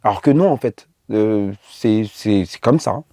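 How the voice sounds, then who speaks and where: Mellow-voiced man telling stage anecdotes. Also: lowish voice, unhurried, no room sound, clean studio sound. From Côte d'Ivoire. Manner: lively storytelling, acting out dialogue. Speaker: comedian guest. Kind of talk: casual interview chat.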